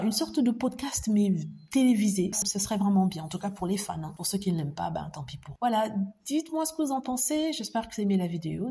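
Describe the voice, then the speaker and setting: A woman's voice: medium pitch, warm tone. A woman vlogger chatting casually to her viewers about celebrity news, with many small fillers and asides. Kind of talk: casual commentary to camera.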